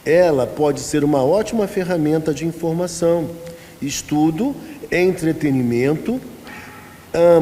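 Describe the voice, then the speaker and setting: Brazilian pastor in a reverberant church hall. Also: male voice, fairly high pitch, warm tone, a little hiss or hum. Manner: asks the congregation questions and tells anecdotes. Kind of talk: conversational Bible-study lesson.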